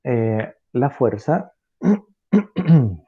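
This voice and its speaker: A man's voice: medium pitch, very animated, breathy edge, narrow, tinny audio. A man teaching an online physics lesson, explaining step by step with frequent fillers and tag questions to check the class follows. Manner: halting, with frequent fillers and self-corrections.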